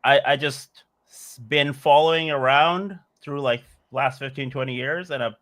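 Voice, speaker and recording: This guest, a man in his forties from Bangladesh who makes music, takes his time answering, drifting through ideas with plenty of "uh" and "like." He speaks unhurriedly in a mid-range, slightly bright voice with fairly even intonation.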